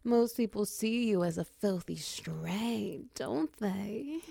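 Slow, mellow woman with a gravelly edge. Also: medium pitch, animated. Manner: slow, soft and teasing, dipping into whispers. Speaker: audio roleplay performer. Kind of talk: intimate scripted audio roleplay.

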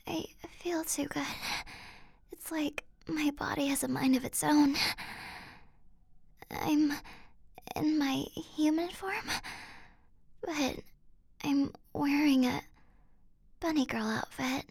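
A young woman voicing an affectionate shapeshifter girlfriend in an intimate audio roleplay, speaking in breathy, soft whispers with a playful, coaxing manner, close to the microphone. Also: high-pitched, steady tone, slow, pauses often, no echo, full character voice.

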